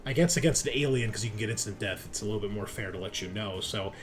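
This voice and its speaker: Music plays in the background as a man with a lowish voice talks fast while game-mastering a tabletop roleplaying session. He is casual and eager, cursing now and then.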